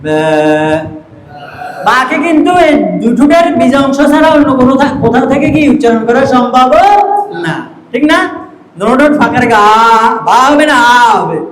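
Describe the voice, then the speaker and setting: A male Quran reading teacher giving an instructive training lesson to other teachers, often asking checking questions. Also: very high-pitched. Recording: echoey room with faint noise.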